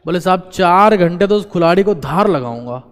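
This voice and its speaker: This motivational speaker's high-pitched voice moves at a moderate pace with lively intonation as he urges viewers on. He drives home key phrases through repetition and mixes in English, and a long echo reverberates through the recording.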